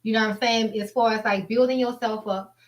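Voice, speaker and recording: A woman's voice: a little high, fairly even intonation, brisk, distant mic. An American woman co-hosting a talk show in casual, encouraging, colloquial motivational chat, often saying "you know.".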